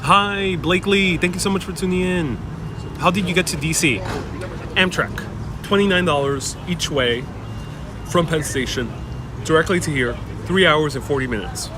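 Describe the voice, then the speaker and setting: Out on a busy city street, a young Spanish-speaking man hosts a relaxed livestream, reading viewer questions and rambling warmly at a moderate pace. His pitch is fairly high. A wireless clip-on mic captures him along with clear crowd noise and passing traffic.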